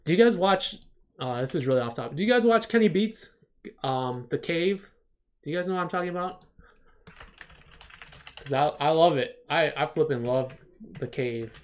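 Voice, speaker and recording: A man's voice: a little high, lively intonation, normal speed, pauses often. A man giving a casual livestream critique of storyboards, talking in an enthusiastic, rambling way full of "like". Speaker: storyboard artist reviewing viewer work.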